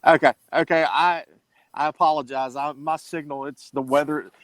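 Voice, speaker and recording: A man's voice: fairly high pitch, fairly even intonation, normal speed, dry recording. Man breaking up on a bad connection. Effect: breaking up over a bad call connection. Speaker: panel guest. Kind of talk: casual discussion. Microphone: remote call.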